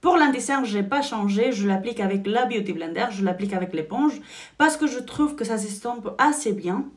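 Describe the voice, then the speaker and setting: A woman's voice: mid-range voice, lively intonation, moderate pace. A young woman with a Spanish-influenced French accent, chatting casually through a makeup tutorial and dropping "en fait" often. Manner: chatty, frequent "en fait" fillers. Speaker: beauty vlogger.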